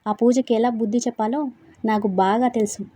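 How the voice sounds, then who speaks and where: A woman's voice: a little high, flat delivery, a little fast, warm tone, no echo, lightly acted. A woman voicing a fiery, hurt young wife. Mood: resolute.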